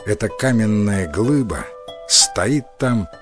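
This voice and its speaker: A man narrating a folk tale in a scripted, expressive storytelling manner. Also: on the low side, takes it slowly, music in the background.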